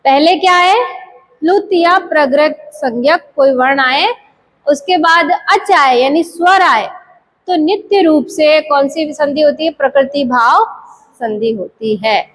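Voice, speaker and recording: A woman lecturing on Sanskrit grammar in a very high voice. She talks slowly and deliberately, putting questions to the class and answering them herself while repeating the key terms. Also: fairly bright tone, a little hiss or hum, rough recording. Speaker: Sanskrit teacher.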